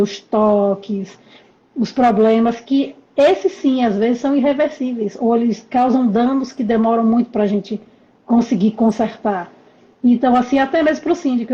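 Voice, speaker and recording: A woman consultant explaining calmly during a live stream conversation, heard over a remote call. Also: fairly high pitch, highs cut off. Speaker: condominium management consultant, guest.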